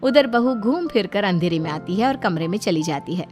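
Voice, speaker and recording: A woman giving steady, scripted narration for a cartoon moral story. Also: mid-range voice, normal speed, soft background music.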